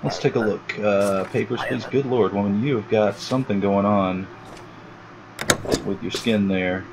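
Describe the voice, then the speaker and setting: A man casually commenting as he plays a game for the first time, chatty and sarcastic, reading on-screen text aloud on a low-quality home mic. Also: fairly even intonation, unhurried, background noise. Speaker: gaming YouTuber. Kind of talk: casual let's-play commentary. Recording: loud game music behind.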